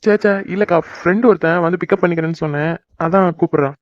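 A young cartoon man, acted by a voice performer talks briskly in a mid-range voice. He coaxes and reassures the people close to him. The recording is dry and lo-fi. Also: medium pitch, dry recording, close to an everyday voice. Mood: casual. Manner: brisk, coaxing, affectionate. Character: young man, devoted son and boyfriend. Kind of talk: cartoon voice acting.

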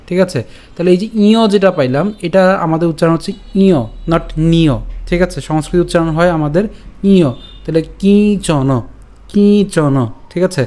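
A man teaching the pronunciation of scripture verses, explaining step by step and chanting the lines slowly, syllable by syllable. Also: fairly high pitch, a little mellow. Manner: patient step-by-step explanation with questions. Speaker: Gita teacher. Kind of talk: recitation lesson.

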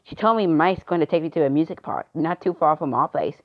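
A woman performing an amateur skit, reading the lines in a halting, unpolished way. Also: sits low, muffled recording. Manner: unpolished, halting line delivery. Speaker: skit performer voicing both parts.

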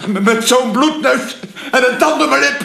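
A man's voice: very high voice, moderate pace, creaky, sharp tone, echoey room, full character voice. An actor playing a grumbling, indignant, put-upon man in a sitcom. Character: put-upon middle-aged man Simon ten Brugge. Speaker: sitcom character. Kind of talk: sitcom acting.

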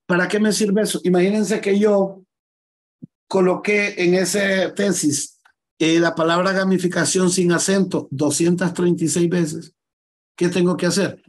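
A man with a slightly higher voice leads a live computer class, calmly going through each step on screen. He repeats himself and checks in with his students to make sure they follow. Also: measured pace, poor audio. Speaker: computer skills teacher. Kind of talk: live online class, explaining screen steps.

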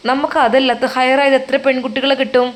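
A woman's voice: sits high, level tone, fast talker, pitched above the performer's own voice, close to an everyday voice. Woman voicing a coaxing, reassuring male cleric. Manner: coaxing, reassuring, gently teasing. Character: kindly older male religious teacher, comforting friend.

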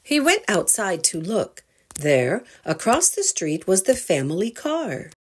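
At a measured pace, a woman with a husky, medium-pitched voice reads a children's storybook aloud. Her delivery is expressive, and she asks her young listeners questions as she tells the story.

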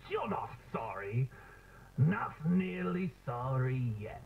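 A tinny, noisy tape carries a menacing clown villain in an analog horror piece. He drawls very slowly and theatrically, with mockery in a creaky, high voice that lurches wildly in pitch. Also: very animated, exaggerated voice. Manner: drawling, theatrical, with cackling laughter. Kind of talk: scripted analog horror acting.

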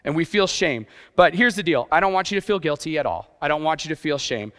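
This is a brisk, animated middle-aged man with a fairly high, fairly bright and smooth voice. A youth pastor appearing as a guest preacher, he partly grew up in Japan and delivers a relaxed, self-deprecating sermon full of rhetorical questions from an indoor church stage, captured with echoing hall sound.

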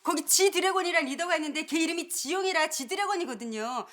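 An actress playing a flustered, apologetic daughter-in-law who stammers and pleads in a sitcom. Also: female voice, extremely high pitch, fast talker, a bit bright, slight background noise. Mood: explaining. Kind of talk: sitcom acting.

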